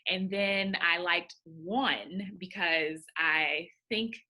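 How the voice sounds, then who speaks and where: Upbeat Houston-born woman, bright voice. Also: fairly low pitch, very slow. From Houston, Texas. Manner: upbeat, emphatic, laughs easily. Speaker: podcast guest, career coach. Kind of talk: interview conversation.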